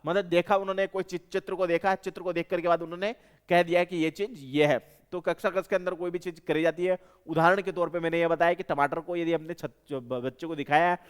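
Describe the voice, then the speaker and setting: Guy teaching exam prep, rajasthani hindi accent, smooth voice, a bit high, keeps repeating terms. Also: steady tone, brisk. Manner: explanatory, repeats key terms, self-corrects mid-word.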